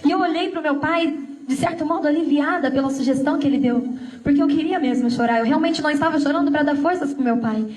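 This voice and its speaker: A woman's voice: high-pitched, quick pace, a little mellow, far from the mic. A woman giving a sermon testimony, telling her story earnestly and speaking straight to the congregation. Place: church. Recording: echoey church room.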